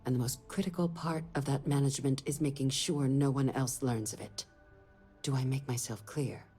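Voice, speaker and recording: An actress playing a stern, secretive middle-aged military official in a video game, speaking in a measured, formal, authoritative way. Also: female voice, rumbling low, steady tone, mellow, slightly rough, soft background music. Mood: firm. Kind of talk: video game dialogue acting.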